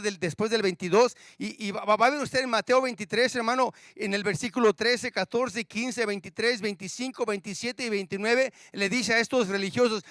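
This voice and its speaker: A man preaching a sermon who keeps calling listeners brother and asking rhetorical questions, swinging between loud emphatic lines and hushed low asides. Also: no echo. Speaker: pastor.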